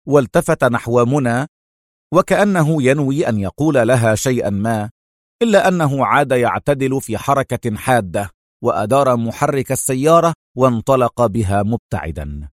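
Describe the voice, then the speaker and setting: A man's voice: medium pitch, lively intonation, normal speed, no echo. Man narrating an audiobook, dry sound.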